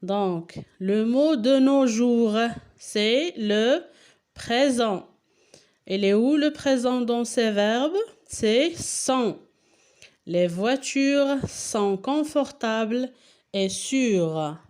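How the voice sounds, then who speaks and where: A woman's voice: fairly high pitch, lively intonation, extremely slow, a little mellow. A woman with a Moroccan accent, teaching a lesson and correcting a worksheet, asking questions and answering them step by step while spelling out answers.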